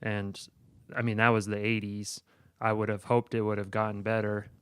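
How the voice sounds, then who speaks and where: Smooth, low-voiced man on a podcast. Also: flat delivery, moderate pace, fairly bright tone, no room sound. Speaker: podcast co-host. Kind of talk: casual film podcast chat.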